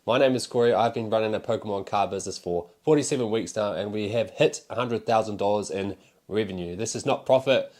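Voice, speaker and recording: A young man with a New Zealand accent, a card seller and content creator, talks casually to camera about selling cards. His voice is lowish, brisk and darkish, and he rambles candidly with fillers and the odd swear.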